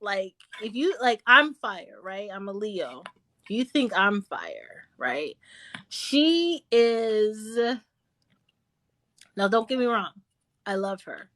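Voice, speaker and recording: A woman in casual chat, telling animated stories about her children and acting out their voices. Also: mid-range voice, slow, no room sound. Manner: animated storyteller, acts out her kids with squeals.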